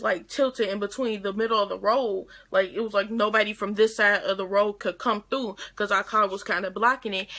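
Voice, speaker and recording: Teen girl from rambling thru a story to her cam, bright clear voice, lots of likes and restarts. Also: medium pitch. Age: teens. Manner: rambling, chatty retelling with many likes and restarts. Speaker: vlogger. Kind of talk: casual storytelling to camera.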